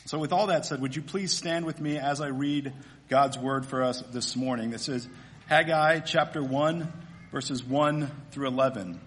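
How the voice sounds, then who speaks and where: A man preaching a sermon at a pulpit microphone, reading scripture and praying in an earnest, measured way. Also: medium pitch.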